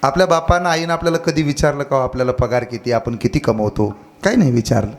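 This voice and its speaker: A man's voice: medium pitch, quick pace. A man preaching a devotional kirtan sermon, earnest and exhorting, telling folksy stories to the crowd.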